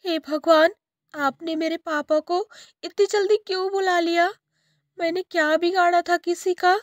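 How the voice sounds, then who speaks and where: A woman's voice: sits high, measured pace, no room sound, studio quality, voice pushed up. A woman voicing a small girl sparrow in a cartoon story, with a childlike, pleading and tearful manner. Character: cheerful then grieving little girl sparrow.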